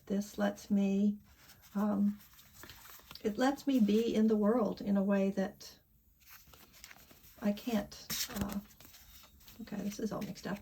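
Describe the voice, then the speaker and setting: Candid rambling woman tarot vlogger. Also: medium pitch. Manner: rambling, candid, trails off into soft asides. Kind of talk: casual chat.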